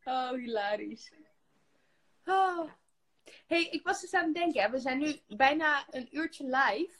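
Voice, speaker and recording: A woman's voice: high voice, expressive, unhurried, fairly bright tone. A young woman with a Dutch accent chatting on a live stream, bubbly and laughing. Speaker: pop group member on a live stream. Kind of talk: casual chat. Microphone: phone on a live stream.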